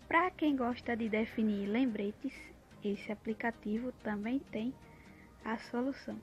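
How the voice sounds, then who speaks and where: A Brazilian woman hosts an unscripted app tutorial, demonstrating it while clear music plays behind her voice. She speaks at an unhurried pace with a fairly high pitch.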